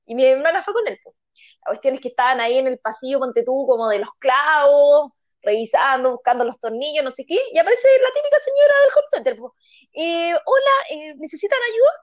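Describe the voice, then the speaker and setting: Animated Chilean woman telling stories. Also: high-pitched, fast, no room sound, muffled recording. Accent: Chilean Spanish. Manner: animated, acts out quotes, laughs often. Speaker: podcast co-host. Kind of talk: casual storytelling chat.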